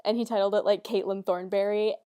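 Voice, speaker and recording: A young woman co-hosting a podcast, laughing easily and telling stories that trail off quietly. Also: mid-range voice, level tone, a little fast, clean tone, highs cut off. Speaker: podcast co-host. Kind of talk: casual chat.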